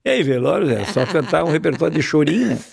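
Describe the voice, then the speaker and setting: A man with a gaúcho Rio Grande do Sul accent, hosting a casual podcast interview in a relaxed, chatty way with regional interjections. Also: fairly high pitch, quick pace, gravelly, heavy background noise. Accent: Rio Grande do Sul gaúcho Portuguese. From Uruguaiana, southern Brazil. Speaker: podcast host.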